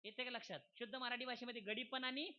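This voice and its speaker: This kirtan preacher, a man with a very high voice, talks fast in a steady tone. He delivers a humorous, folksy devotional sermon and keeps checking that the crowd is following. The recording is dull and lo-fi.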